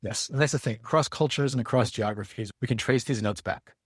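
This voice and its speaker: A man speaking as a guest educator in an interview, thoughtful and measured. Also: medium pitch, breathy edge, dry recording, studio quality. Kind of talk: reflective interview talk.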